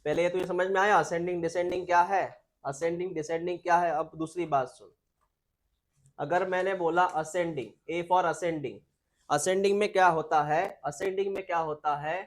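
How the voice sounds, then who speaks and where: Male biology teacher, high-pitched, drilling his students with repeated questions. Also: steady tone, moderate pace. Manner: repetitive, asks students questions. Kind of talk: classroom teaching.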